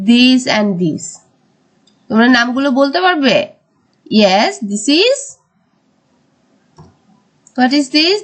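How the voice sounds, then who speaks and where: A woman teaching a primary school English lesson, mixing English words with Bengali explanations and drawing words out slowly. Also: high voice. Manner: slow, drawn-out word-by-word teaching. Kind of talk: recorded classroom lesson.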